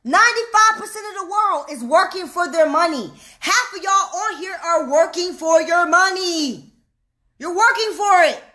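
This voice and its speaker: A woman's voice: very high voice, expressive, bright, forceful tone. A woman coaching viewers on money in a fired-up rant, emphatic and preachy, repeating her points and calling out to the audience. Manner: emphatic and preachy, repeats lines slowly, calls out "hello?". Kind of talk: fired-up direct-to-camera rant.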